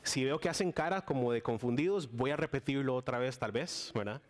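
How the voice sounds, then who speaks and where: Preaching as a guest, this young Costa Rican man talks briskly in a medium-pitched voice with a Costa Rican accent. His casual delivery is warm and chatty, full of fillers and restarts.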